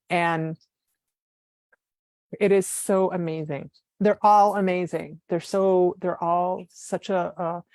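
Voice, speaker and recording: Soft, reverent woman channeling messages. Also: fairly low pitch, dry recording. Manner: soft, reverent, often breathy sighs. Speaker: guest channeler. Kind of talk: live spiritual channeling and reading.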